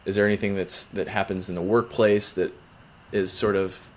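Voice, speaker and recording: A man's voice: low voice, flat delivery, normal speed. A man hosting a casual interview, upbeat and jokey, with plenty of fillers. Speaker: podcast host.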